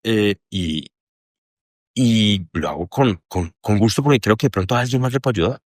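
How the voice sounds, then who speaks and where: A man with a Colombian accent telling stories as a podcast guest, animated and slangy. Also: lowish voice, moderate pace, no echo, studio quality. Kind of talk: casual interview chat.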